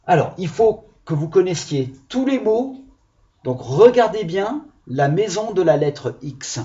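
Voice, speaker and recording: A man's voice: high-pitched, sing-song, dark tone, highs cut off. Patient man teaching young children. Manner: slow, patient, spells out syllables. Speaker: primary school teacher. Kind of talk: remote lesson for young children.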